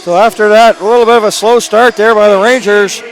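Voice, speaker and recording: A male announcer calls live hockey from an arena booth in a high voice worn raspy and hoarse by days of games. His play-by-play is quick, rising to excitement whenever a scoring chance comes.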